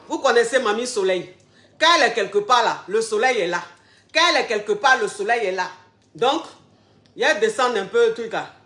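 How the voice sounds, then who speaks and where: A high, bright woman's voice on a live stream, exuberant and teasing, drawing out her words for emphasis. She sounds a little out of breath. The echo of a roomy space hangs around every sentence. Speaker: online coach, live streamer. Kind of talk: casual live stream chat to viewers. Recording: echoey room.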